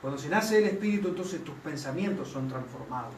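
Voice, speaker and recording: A man delivers a sermon, checking in with his listeners again and again. His voice sits a little high for a man. He is recorded from some way off in an echoey room. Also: expressive, a little fast, darkish tone, slight background noise. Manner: asks the congregation for constant confirmation. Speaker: pastor. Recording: echoey room, mic at a distance.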